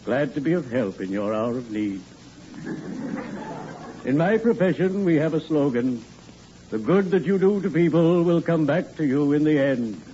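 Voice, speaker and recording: An actor playing a cheerfully morbid, genteel undertaker in a 1940s radio comedy, with formal, measured, unctuous delivery. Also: male voice, fairly high pitch, animated, warm tone, lightly acted. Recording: noisy, dull old radio recording.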